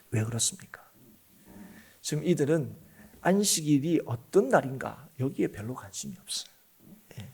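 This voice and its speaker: A middle-aged man preaching a sermon in a church, asking the congregation rhetorical questions and moving between loud emphatic phrases and hushed asides. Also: mid-range voice, slightly rough. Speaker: pastor. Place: church sanctuary.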